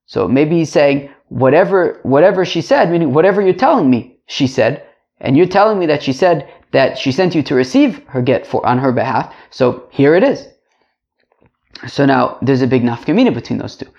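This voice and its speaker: A man's voice: fairly high pitch, expressive, moderate pace, vocal fry, darkish tone, highs cut off. A man teaching an informal religious lesson to a class, chatty, repeating phrases and checking in with rhetorical questions. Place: indoors.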